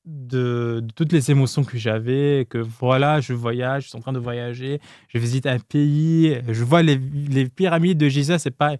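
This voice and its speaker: A man speaking French as a second language with a foreign accent, talking casually and candidly as a podcast guest, often pausing and rephrasing. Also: mid-range voice, steady tone, a little mellow, no echo, studio quality. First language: not French. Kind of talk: casual, candid interview talk.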